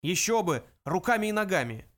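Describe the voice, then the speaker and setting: A reader playing an easygoing traveller, quick to agree and keen. Eager, lively lines close to the narration. Audiobook character. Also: medium pitch, voice pushed up, close to an everyday voice. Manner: eager, apologetic.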